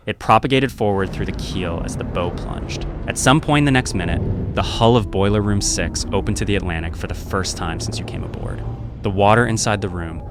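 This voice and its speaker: A man narrating a scripted story in second person, in a measured, grave and deliberate way. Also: on the low side, noisy background.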